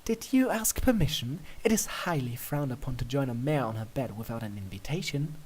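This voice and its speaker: A man voicing a playful, teasing pony princess in a fan story reading, coy and demanding, with drawn-out hums. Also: medium pitch, animated, a little mellow, a little hiss or hum, close to an everyday voice. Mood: teasing, haughty.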